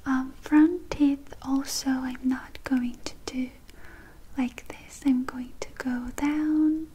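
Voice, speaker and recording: A woman doing a whispered role-play as a dental hygienist, speaking in a gentle, reassuring, soothing manner to a patient. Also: high-pitched, slight background noise, rough recording.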